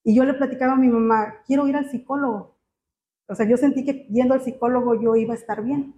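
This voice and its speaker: A woman gives a personal church testimony, speaking in a halting, emotional way with many fillers. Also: on the high side, fairly even intonation, warm tone. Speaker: church member giving testimony. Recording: muffled, slightly noisy.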